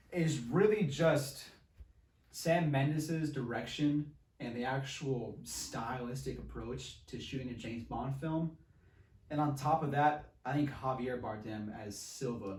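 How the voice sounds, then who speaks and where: A male podcast host talks casually about films in a mid-range, darkish voice at a measured pace. The recording sounds roomy, with a distant mic and faint noise.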